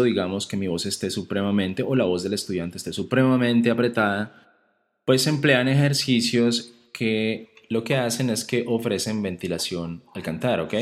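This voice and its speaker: A man giving a singing lesson, explaining vocal exercises step by step, checking in with frequent tag questions and breaking into short sung demonstrations. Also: lowish voice. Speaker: singing teacher.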